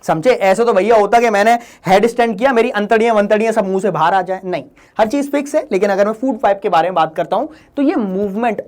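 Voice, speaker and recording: A man's voice: high-pitched, a little mellow. A male teacher giving an exam-prep lesson in a joking, teasing way. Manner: joking, playful, teasing students. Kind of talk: exam-prep lesson in Hindi-English mix.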